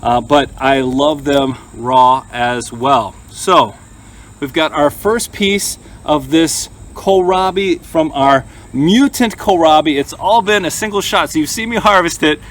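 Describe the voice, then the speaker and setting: Speaking a little slowly, this gardening channel host has a slightly high, somewhat bright voice. He chats casually and plainly in his vlog, walking through every step as he shows his work and samples what he's grown.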